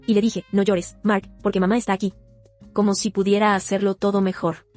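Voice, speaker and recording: Woman telling her own story in a voice-over, soft mellow tone, calm and steady, quiet guitar behind. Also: mid-range voice, brisk. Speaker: narrator of a personal near-death testimony. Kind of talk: first-person testimony voice-over. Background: faint guitar music.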